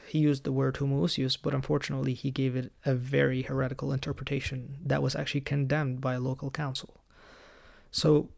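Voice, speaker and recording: A man with a deeply gravelly, fry-heavy voice hosts a solo teaching podcast. He explains church history calmly, with a lightly wry edge, at a middling pitch. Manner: raised in the Coptic Orthodox Church. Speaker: podcast host.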